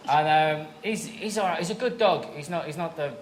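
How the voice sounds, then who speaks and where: A man's voice: a little high, fairly quick, a little hiss or hum, rough recording. A man, a comedian guest, telling a self-deprecating story on stage at a live comedy show. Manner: wry, self-deprecating anecdotes.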